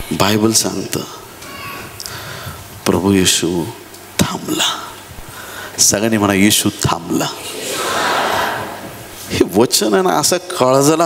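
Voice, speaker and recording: Man, church sermon, dramatic preaching, rising shouts, reverberant hall, faint noise. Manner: dramatic preaching, shifts from low murmurs to high shouted appeals. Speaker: pastor.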